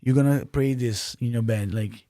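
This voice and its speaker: Here a native Portuguese speaker from Brazil, carrying a Brazilian Portuguese accent, talks sincerely as a podcast guest, often restarting and filling pauses. His pitch is medium, his tone dark, and he speaks at a normal speed. The audio is clean studio sound without echo.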